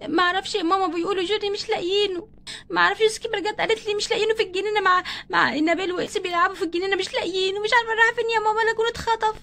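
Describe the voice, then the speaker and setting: Woman doing fretful young mom doll, egyptian accent, high and quick, always worried. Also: fairly even intonation, sharp tone, exaggerated voice. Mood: panicked. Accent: Egyptian Arabic. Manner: worried, pleading. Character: young mother, anxious and excitable. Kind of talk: doll play storytelling.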